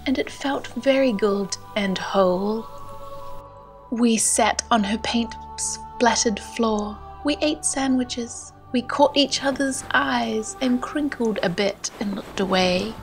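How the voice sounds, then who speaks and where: A woman from Canada speaks slowly and softly over her travel footage, her fairly high voice dropping at times to a near whisper. Music plays quietly beneath her calm, unhurried reading. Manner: slow, gentle and hushed, at times whispered. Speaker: vlogger. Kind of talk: soft-spoken voice-over narration and poetry reading.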